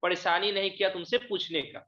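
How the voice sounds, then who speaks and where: A male teacher with a fairly high voice reads English dialogue slowly and carefully, then walks through its meaning in Hindi, checking in with his class again and again. The sound is roomy and a little dull, as if taped on a modest mic in an echoing room. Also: steady tone, bright, forceful tone. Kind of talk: online class lecture, reading a play aloud and explaining in Hindi.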